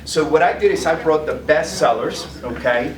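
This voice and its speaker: A man with a slightly high voice gives a live product demo at a food trade demo room, speaking at normal speed and often tagging points with "okay?". A crowd can be heard, and the echoey, noisy recording has the mic far off.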